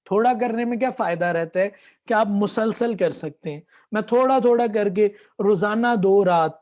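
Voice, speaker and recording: A man teaching Quran letter pronunciation in a patient lesson style, stretching out the throat sounds slowly as he demonstrates them. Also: high voice, darkish tone.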